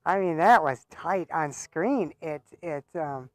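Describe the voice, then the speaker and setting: A man's voice: fairly high pitch, lively intonation, slow pace, dry recording. A man giving casual live commentary on a pool match. He chats, laughs often, and stumbles over repeated words.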